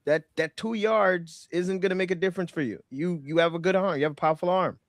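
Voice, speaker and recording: A man in his forties co-hosting a sports podcast, talking in a halting, emphatic way with lots of repeated words. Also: sits high, no room sound, studio quality. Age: 40s. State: out of breath. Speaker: podcast co-host and referee. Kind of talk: casual sports chat.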